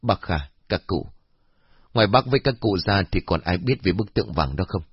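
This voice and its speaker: A man's voice: low-pitched, animated, normal speed, breathy edge, no echo, full character voice. A man voicing a polite young male police officer asking questions in a storybook reading. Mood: inquiring. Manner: polite, inquiring. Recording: dull lo-fi.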